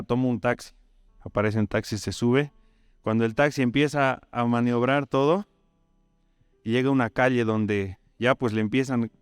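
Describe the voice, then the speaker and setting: A Bolivian-accented male preacher tells a story to his congregation, tossing in quick tag questions. His voice is crisp and clear, recorded close and dry. Soft music plays faintly underneath. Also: mid-range voice, no room sound. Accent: Bolivian Spanish. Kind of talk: sermon.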